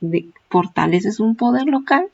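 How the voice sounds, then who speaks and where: A woman with a Mexican accent lectures on history in a loose, conversational way, leaning on fillers and checking in with tag questions. Her voice sits at a middle pitch, and the recording sounds somewhat dull and lo-fi. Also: expressive, unhurried, creaky, darkish tone, slightly rough. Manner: chatty, colloquial, many fillers and tag questions. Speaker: history teacher.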